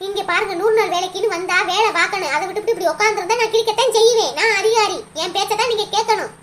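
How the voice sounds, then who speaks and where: A woman's voice: very high-pitched, rapid-fire, fairly bright tone. A woman voicing a bossy village work supervisor who scolds and threatens the workers. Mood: scolding. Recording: noisy cartoon audio.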